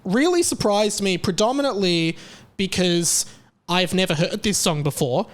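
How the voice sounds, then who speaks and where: An Australian man in his thirties hosts a casual solo podcast, his high voice expressive and moderately paced. He rambles and mocks himself, full of fillers and restarts.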